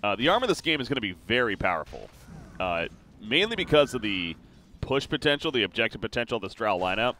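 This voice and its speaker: A man doing live play-by-play for a video game match, his voice bright and forceful and swinging widely in pitch as the action heats up. He talks quickly and gets excited, with plenty of fillers, over a faint bed of background noise. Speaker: esports caster.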